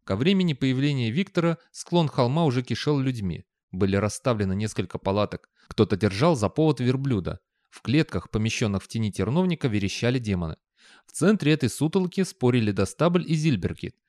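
A man narrating an audiobook in a measured, expressive reading on a close studio mic. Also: mid-range voice, no echo. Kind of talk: scripted narration.

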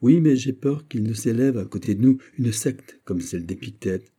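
A man's voice: mid-range voice, animated, moderate pace, dark tone, husky. A man voicing a cautious, earnest scholar who raises worried objections in an audiobook. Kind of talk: audiobook character voice.

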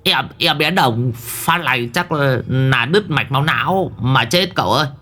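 A man's voice: mid-range voice, moderate pace, pitched above the performer's own voice. Man doing a whimpering old medium. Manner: hushed, quavering, stammering. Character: terrified old male spirit medium, whimpering.

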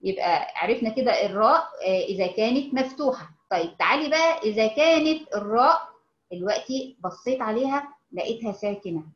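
A woman with an Egyptian Arabic accent teaching recitation, explaining patiently and modeling words slowly with repetition. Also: on the high side, expressive, echoey room, lo-fi sound. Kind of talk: informal online lesson.

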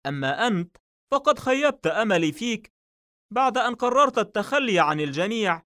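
A man reading an audiobook novel, voicing a calm, confident male police detective in a raised voice. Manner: calm and assured, slightly raised pitch.

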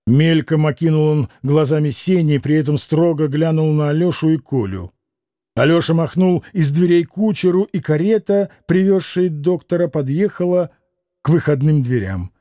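High-voiced male audiobook narrator. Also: normal speed, dark tone, no echo, clean studio sound. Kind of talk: audiobook narration of a classic novel.

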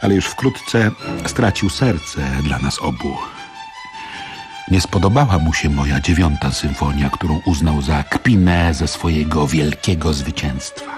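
A deep-voiced, weary composer. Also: male voice, a little slow, over music. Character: weary, submissive male Soviet composer. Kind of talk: first-person radio drama narration.

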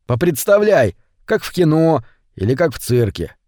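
A man's voice: fairly high pitch, very animated, normal speed, a little mellow, no room sound, studio quality. A man voicing a sly young boy who coaxes a friend. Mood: coaxing.

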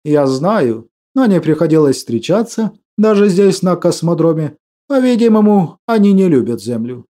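A man voicing a talkative, eccentric male hospital patient, speaking slowly and deliberately in a warm voice. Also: on the high side, sing-song. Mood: insistent.

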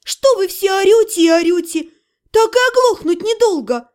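A woman voicing a frightened young female mage who squeaks and babbles in fear. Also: lively intonation, moderate pace, a little mellow. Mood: flustered. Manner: squeaky, bleating, flustered.

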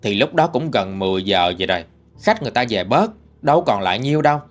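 Man telling a ghost story, lively voice. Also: on the low side, quick pace, soft background music. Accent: Southern Vietnamese. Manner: chatty, conversational storytelling.

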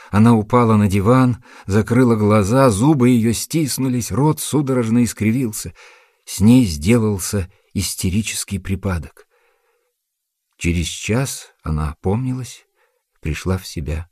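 A man narrating a classic novel as an audiobook, in a measured literary reading. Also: fairly low pitch, dark tone, no echo, clean studio sound. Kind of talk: scripted narration.

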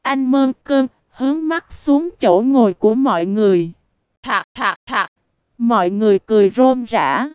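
A woman narrating a story in an unhurried, even reading voice. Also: on the high side, smooth, no room sound. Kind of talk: audiobook storytelling.

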